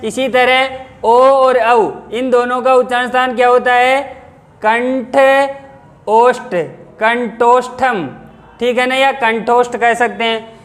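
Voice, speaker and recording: A man's voice: very high-pitched, a bit bright. A male teacher giving an exam-prep grammar lesson, explaining step by step and asking and answering his own questions.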